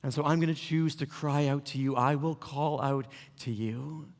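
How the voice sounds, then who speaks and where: A pastor preaching an earnest, emotional sermon that sometimes chokes up, in a church sanctuary. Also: male voice, medium pitch, steady tone, moderate pace, long reverb tail. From Canada.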